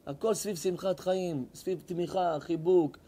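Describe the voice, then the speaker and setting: Emphatic, high-voiced male rabbi preaching. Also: a little hiss or hum. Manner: emphatic, scolding, animated storytelling. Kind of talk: sermon with acted-out stories.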